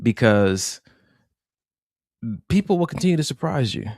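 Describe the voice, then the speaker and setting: A man co-hosting a casual relationship podcast, speaking in a reflective, measured way and stretching words for emphasis. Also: mid-range voice, sing-song, darkish tone, no room sound, studio quality. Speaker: podcast co-host.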